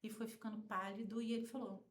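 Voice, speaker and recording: A woman with a Brazilian Portuguese accent, a podcast guest telling an emotional personal story in an animated way. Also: mid-range voice, fast talker. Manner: animated, acts out other people's quoted voices. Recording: roomy echo.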